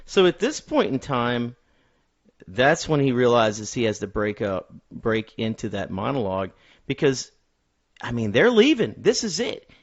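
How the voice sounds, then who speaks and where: A man's voice: medium pitch, very animated, measured pace, highs cut off. A man co-hosting a podcast, talking casually through a film scene by scene. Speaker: podcast co-host.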